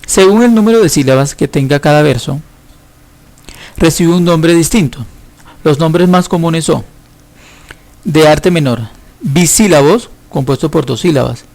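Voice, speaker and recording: A male teacher walks students through a lesson, patient and explanatory, pausing to think aloud. His voice sits a little high for a man and carries a gravelly edge. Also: darkish tone. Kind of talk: recorded school lesson.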